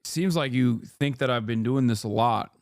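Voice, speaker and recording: A man's voice: mid-range voice, moderate pace, a little mellow, no room sound, clean studio sound. A man from Turkey streaming live, reading and answering his chat in blunt casual talk that swears freely.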